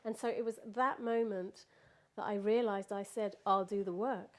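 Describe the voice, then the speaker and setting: A woman's voice: medium pitch, steady tone, normal speed. A woman recounting a personal experience in casual spoken storytelling, laughing often and restarting her sentences.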